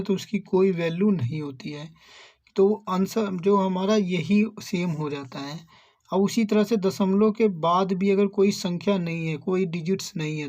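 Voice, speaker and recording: A man giving a maths lesson for exam preparation. He poses questions and answers them himself, and often checks in with a quick "okay". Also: sits high, warm tone, muffled recording. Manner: asks and answers his own questions, checks in with "thik hai". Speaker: maths teacher.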